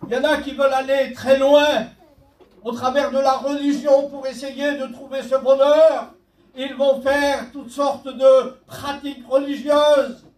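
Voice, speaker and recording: A male pastor preaching with a very high voice and an unhurried, deliberate delivery. He quotes scripture line by line. The sound is roomy and picked up from some distance, like a mic across a church hall. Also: little pitch movement, darkish tone. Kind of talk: sermon.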